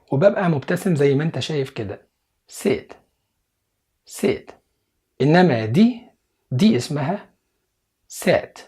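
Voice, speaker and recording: Husky Egyptian man teaching pronunciation. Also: a little high, a little mellow. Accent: Egyptian Arabic. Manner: patient, repeats each sound slowly and reassures the learner. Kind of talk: beginner pronunciation lesson.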